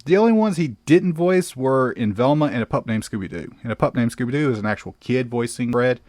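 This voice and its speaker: A man's voice: mid-range voice, animated, fairly quick, darkish tone, no echo. A man hosting a comedic film review, exclamatory and sarcastic as he narrates.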